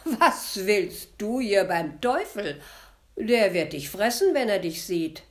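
A woman's voice: medium pitch, big pitch swings, takes it slowly. A woman voicing a shrewd, sly old grandmother in a spoken fairy tale, talking in a coaxing, soothing way. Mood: warning.

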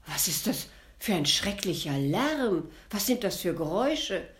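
A woman voicing a jovial, gullible young prince in a fairy tale, loud and booming, a little higher than her narrating voice. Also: animated, takes it slowly, exaggerated voice. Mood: alarmed.

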